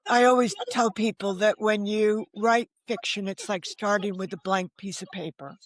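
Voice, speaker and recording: An older woman, a novelist appearing as a podcast guest, tells her own story candidly in a mid-range voice with fairly even intonation, at normal speed and with no echo. She is frank, wry and self-deprecating, and she often quotes dialogue, repeating what people said to her.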